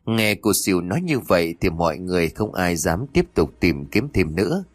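A man narrating a ghost story in a steady, suspenseful storytelling voice. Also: deep voice, normal speed, dry recording.

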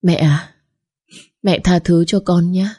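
A woman's voice: on the low side, fairly even intonation, takes it slowly, warm tone. A woman voicing a young mother in detention who speaks tearfully and apologetically. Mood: tender.

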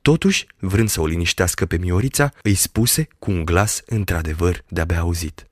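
Man, audiobook narration, measured, steady, deep voice, dry sound. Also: no echo. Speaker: audiobook reader. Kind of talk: scripted literary narration.

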